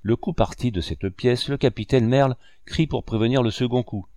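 A man narrating a first-person memoir in a steady, measured way. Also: medium pitch, dry recording, studio quality. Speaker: audiobook reader.

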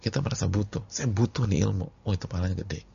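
A man preaching a sermon, casual and animated, swinging between loud and soft. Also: fairly low pitch, fast talker, gravelly, slightly rough. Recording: dull lo-fi audio recording.

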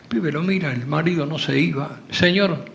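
A man with an Argentine accent telling crude jokes in an animated storytelling way, acting out the characters. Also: on the high side, brisk, vocal fry, slight background noise. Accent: Argentine Spanish. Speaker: joke teller.

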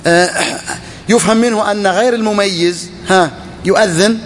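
A man teaching a lesson to students, reading a text slowly and then explaining it, often repeating his phrases. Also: high voice, a little hiss or hum. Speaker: sheikh teaching a book. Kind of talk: classroom lesson on Islamic law.

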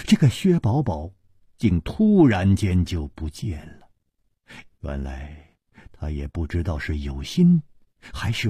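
A man narrating a martial arts tale in the traditional storytelling style, dramatic, with sudden hushes, recorded close to the mic. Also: husky, no echo. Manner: dramatic, slow, with sweeping pitch and sudden hushes.

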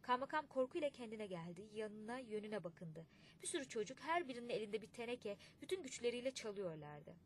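A woman reading a literary audiobook in a measured, expressive way. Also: a little high, a little hiss or hum. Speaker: audiobook narrator.

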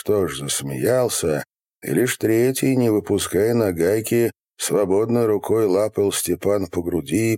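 A man narrating an audiobook in an expressive storytelling manner. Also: low voice, no echo, clean studio sound.

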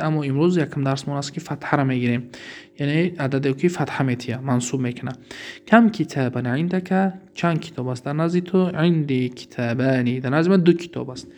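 A man with a Tajik accent teaching Arabic grammar in a recorded lesson, reading examples slowly and then explaining them quickly. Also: on the high side, a little mellow, a little hiss or hum.

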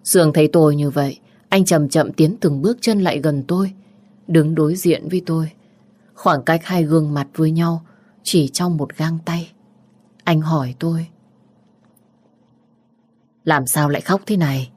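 Brief: female narrator, deep-set voice, first-person romance reading. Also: steady tone, normal speed, dark tone.

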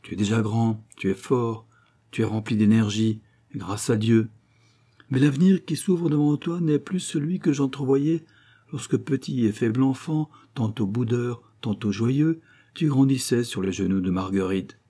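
A man's voice: medium pitch, normal speed, dark tone, close to an everyday voice. A man voicing a kindly old forester, a father who is mock-severe at first, then fond and proud. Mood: proud, earnest.

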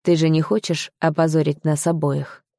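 A smug, possessive young man who gives orders and mocks, read by a woman narrator in a low, dark voice. The sound is dry and close, with no room around it. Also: level tone, normal speed, gravelly, dry recording. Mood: smug, commanding. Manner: mocking, commanding.

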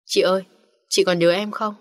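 A woman voicing a sweet, cheerful young girl who chats warmly in an audiobook story. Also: medium pitch, level tone, moderate pace, close to an everyday voice. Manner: sweet, chatty.

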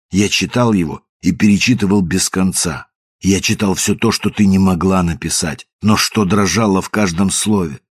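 A man's voice: on the low side, a little mellow, husky. Man voicing a feverish, lovesick man. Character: feverish man, tormented and obsessed with love.

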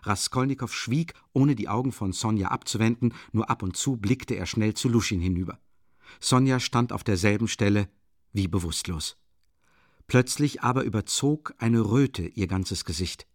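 A man reading an audiobook with expressive, dramatic narration. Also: fairly low pitch, moderate pace, no echo, studio quality. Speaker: audiobook reader.

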